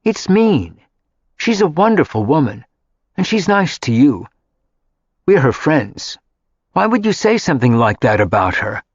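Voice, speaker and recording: A man's voice: a little high, sing-song, a little slow, long pauses, no room sound, dull audio. A man reading an audiobook, voicing an indignant young woman who challenges a rude guest. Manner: protective, challenging. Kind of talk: audiobook character voice.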